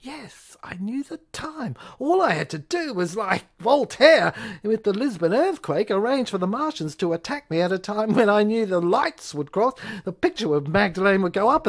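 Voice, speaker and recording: A woman narrates an audio play through a scripted dramatic monologue, her phrasing theatrical and halting, sometimes sinking toward a whisper. Her voice is medium-pitched with big swings in pitch.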